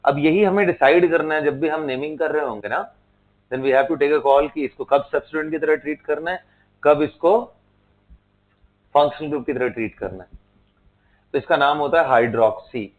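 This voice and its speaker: A man's voice: on the high side, moderate pace, pauses often. A man teaching a chemistry class in a lecture style, spelling out terms letter by letter and checking in with his students. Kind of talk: classroom lecture mixing Hindi and English. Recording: tinny phone-like lo-fi sound.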